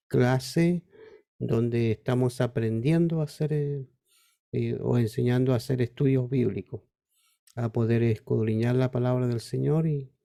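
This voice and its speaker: A Chilean pastor leads a Bible study class over a video call, speaking in an informal, unhurried way. His voice is gravelly and very dark, with a heavy fry underneath. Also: medium pitch. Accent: Chilean Spanish.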